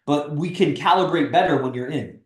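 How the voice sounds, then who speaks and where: Male host, 30s, blunt persuasive pep-talker, slightly high-pitched, roomy sound. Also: moderate pace. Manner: blunt, persuasive, swears freely. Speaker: stream host and coach. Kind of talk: casual livestream pep talk.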